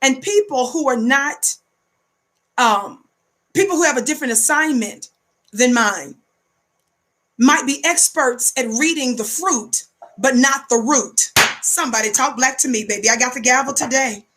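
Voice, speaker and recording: Hosting an online talk show, an American woman delivers a monologue straight to her viewers in a somewhat high, slightly bright voice. She speaks at a measured pace, emphatic and preacherly, repeating phrases as call-outs.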